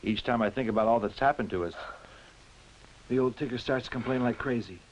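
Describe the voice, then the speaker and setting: Man acting a fast-talking cowardly sidekick. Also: mid-range voice, natural voice. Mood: nervous, defensive. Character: cowardly, jittery comic sidekick. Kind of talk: dubbed old horror film acting. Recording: dull lo-fi film track, loud music behind.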